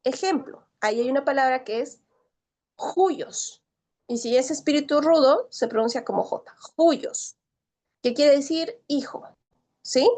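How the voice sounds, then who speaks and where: A woman's voice: sits high, normal speed, a little mellow. A woman teaching a language class who explains patiently, asks her students questions and keeps checking that they follow. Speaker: Greek teacher. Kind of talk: online class lecture.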